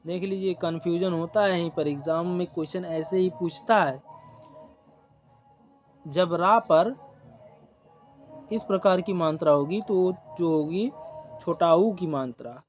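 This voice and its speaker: Slow, high-voiced male exam teacher. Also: faint music behind. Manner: repeats definitions slowly, checks in with "ok", "theek". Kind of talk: exam coaching lesson.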